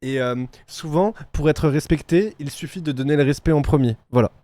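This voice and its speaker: A man's voice: on the high side, mellow, no echo. A man commenting casually and mockingly on a reality show during a live stream. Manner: mocking, chatty, quick to laugh.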